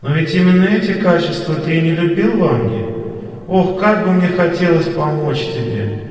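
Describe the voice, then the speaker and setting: A man voicing the gentle, forgiving ghost of a murdered wife in a soft, calm voice. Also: a little high, moderate pace, very echoey, big-room sound, distant mic, voice pushed up, close to an everyday voice, rough recording.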